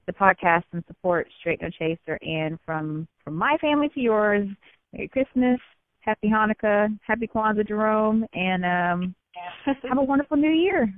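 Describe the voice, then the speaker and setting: A woman's voice: medium pitch, lively intonation, normal speed, dry recording. A woman co-hosting a podcast, speaking earnestly and thanking listeners in a casual chat. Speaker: podcast co-host. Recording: tinny phone-line sound, dry.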